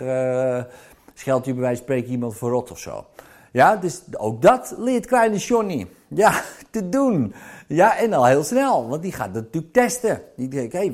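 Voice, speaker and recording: Middle-aged man explaining with lively little scenes. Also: a little high. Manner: lively storytelling, acts out little scenes, frequent tag questions. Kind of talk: explanatory talk to parents.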